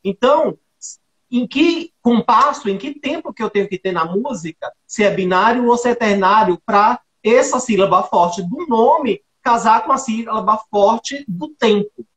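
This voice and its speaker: A man's voice: sits high, expressive, unhurried, fairly bright tone. A man with a Brazilian Portuguese accent hosting a live stream, summing up his guest's points for the viewers. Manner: sums up for viewers, addresses the audience. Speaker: host. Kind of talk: casual chat on a live stream.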